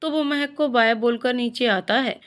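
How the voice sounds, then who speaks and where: A woman's voice: on the high side, normal speed. Woman narrating a family story.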